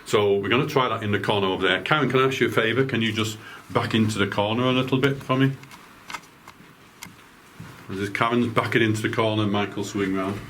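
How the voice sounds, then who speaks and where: Low-voiced medium. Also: male voice, fairly quick, slight background noise. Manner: calm, reassuring, stumbling over words. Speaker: medium leading a paranormal investigation. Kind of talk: guiding a night-time ghost hunt. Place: indoors in a house at night.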